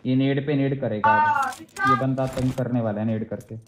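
A man's voice: mid-range voice, huge pitch swings, moderate pace. A man playing as a squad teammate in a mobile shooter, talking politely and casually over voice chat. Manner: polite, addresses host respectfully. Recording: noisy game chat line.

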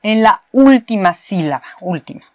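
A woman's voice: on the high side, lively intonation, slow pace, clear, resonant tone, no room sound. A Mexican woman teaching a university spelling lesson, explaining patiently step by step and repeating key words. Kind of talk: recorded spelling lesson at a board.

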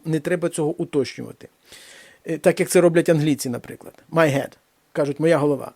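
Man teaching a language lesson, fairly high gravelly voice, slow careful examples, dry close sound. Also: mellow, no echo. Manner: slow, deliberate reading of examples, then explains. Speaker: Spanish teacher.

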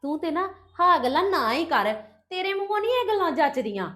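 A woman plays a crafty young wife who needles and scolds the woman she argues with. Her voice sits very high, and her lines come sharp and mocking in a scripted family drama. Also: sing-song, brisk, heavily acted. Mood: taunting. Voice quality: taunting, scolding delivery. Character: scheming young wife Pooja, boastful and sharp-tongued. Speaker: actor in a family skit.

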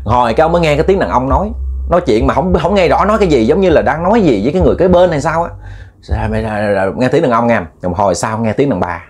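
A man's voice: medium pitch, expressive, very fast, breathy edge. Southern Vietnamese man telling ghost stories. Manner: chatty, repetitive, addresses listeners as family. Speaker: ghost storyteller. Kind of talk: casual spoken storytelling.

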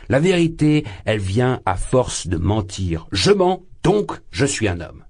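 A man reading an audiobook voices a drunk, exalted young man who rants loudly, his voice leaping high and then sinking. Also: breathy edge, heavily acted. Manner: loud, impassioned, rambling, swings high. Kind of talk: audiobook character voice.

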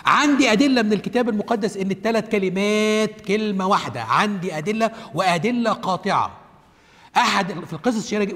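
A man's voice: high voice, a bit bright, long reverb tail. A man with an Egyptian Arabic accent teaching the Bible on television, asking himself questions and answering them, repeating each point step by step.

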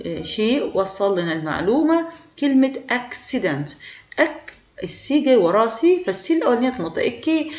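A woman's voice: a little high, darkish tone, reverberant. Patient Egyptian woman teaching English letters. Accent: Egyptian Arabic. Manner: patient, repeats words slowly for learners. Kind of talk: beginner language lesson.

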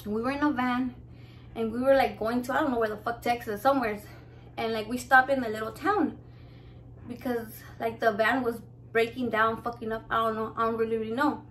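Young Mexican American woman, high voice, loud foul-mouthed vlog host who mixes in Spanish, faint room hiss. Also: fairly even intonation, fairly quick. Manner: brash, swears constantly, switches into Spanish. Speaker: cooking channel host. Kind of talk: casual profane chat to camera.

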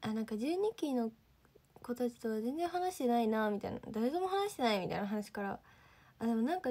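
A woman's voice: fairly high pitch, darkish tone. A teenage girl with a lilt, chatting casually on a livestream, thanking viewers and sometimes dropping almost to a whisper. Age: teens. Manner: chatty, reads and thanks viewer comments, drops to near-whispers. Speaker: idol livestreamer.

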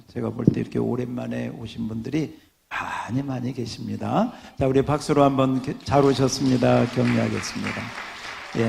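A man's voice: mid-range voice, gravelly, noisy background. A middle-aged male pastor preaching a sermon, joking with the congregation and telling funny stories. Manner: joking, animated storytelling.

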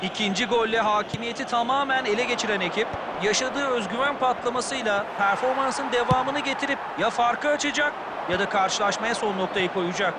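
A man playing a football co-commentator in a video game, giving measured, explanatory analysis of the play. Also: extremely high pitch. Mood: analytical. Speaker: co-commentator, pundit. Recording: loud stadium crowd noise. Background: roaring stadium crowd.

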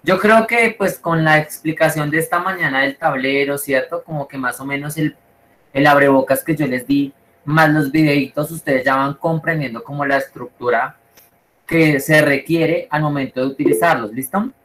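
A man's voice: fairly high pitch, moderate pace, low-quality recording. A man teaching a class online, talking casually to his students with fillers and frequent check-in questions. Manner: relaxed, fillers like "pues" and "¿listo?".

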